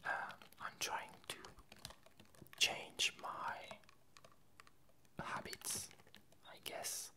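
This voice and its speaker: A young woman with a French accent whispers her way through an ASMR chat, pausing a lot and sounding unsure. She comes from France and makes ASMR videos.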